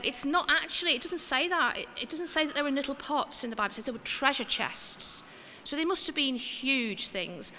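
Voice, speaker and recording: A woman giving an informal sermon in a church, chatty and homely, with gentle self-mocking asides. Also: fairly high pitch, long reverb tail, a little hiss or hum. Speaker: preacher.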